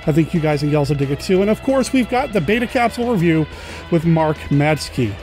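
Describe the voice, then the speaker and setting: A male podcast host chats with listeners in an informal, excited way, speaking to them directly with soft music underneath. His voice is fairly high and his pace brisk.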